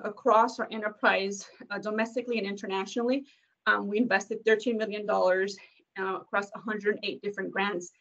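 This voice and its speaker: Woman, corporate presenter on a video call; brisk, filler-heavy, muffled lo-fi audio. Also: medium pitch, a bit bright. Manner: many ums and uhs, brisk. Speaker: corporate community engagement presenter.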